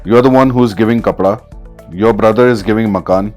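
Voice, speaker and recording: A man's voice: fairly low pitch, fairly quick, a little mellow, soft background music. A man with an Indian accent hosting a conversational interview, dropping Hindi phrases into his English. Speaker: podcast host.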